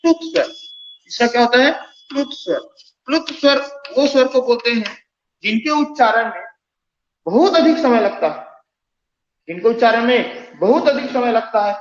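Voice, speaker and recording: A man's voice: very high voice, lively intonation, normal speed, pauses often, slight background noise. A man teaching a Hindi grammar class, repeating key phrases and quizzing his students. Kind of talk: classroom lecture. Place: classroom with lights off. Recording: echoey, dull classroom recording.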